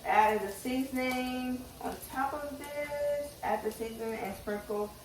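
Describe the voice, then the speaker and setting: A woman's voice: high voice, unhurried, soft background music. A woman who talks with braces, giving a casual cooking demonstration and thinking aloud in an informal way. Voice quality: speaking with braces. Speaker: home cooking vlogger. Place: home kitchen. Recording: roomy, distant mic, faint noise.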